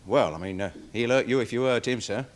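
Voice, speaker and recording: An actor playing a nervous, deferential security guard testifying in a 1970s television courtroom drama, rambling with many fillers. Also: male voice, mid-range voice, fairly quick, natural voice. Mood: worried, defensive. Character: nervous security guard witness, dog handler. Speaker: witness in court.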